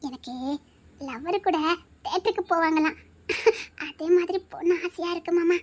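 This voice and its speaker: A sheltered young student, played by a woman, talks in a very high, light voice with a Tirunelveli accent. She is gentle and affectionate, teasing softly. It is web-series drama acting. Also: normal speed. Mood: tender. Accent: Tirunelveli Tamil.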